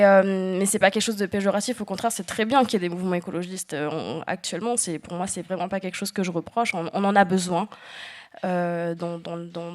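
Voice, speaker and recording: A woman from French Guiana speaking as a panel guest, earnest and halting with frequent restarts. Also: medium pitch. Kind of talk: panel discussion talk.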